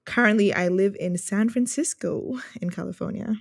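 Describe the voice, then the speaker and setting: As a guest on a podcast, a Ghanaian user experience researcher raised in Accra answers in a conversational, reflective way. She speaks at medium pitch and a moderate pace with some vocal fry. The recording is studio quality with no room sound.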